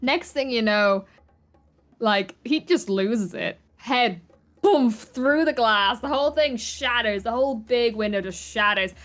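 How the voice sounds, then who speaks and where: A woman narrating a tabletop role-playing game in an informal, animated storytelling way. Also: a little high, a little slow, faint music behind. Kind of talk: casual improvised game narration.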